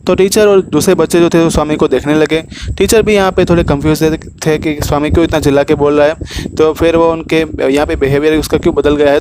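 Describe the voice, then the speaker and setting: A man with a Gujarati accent and a slightly high voice teaches a class lesson, retelling a story in detail in Hindi with English words mixed in. He acts out the quotes, voicing the dialogue as he goes. There is noise in the background.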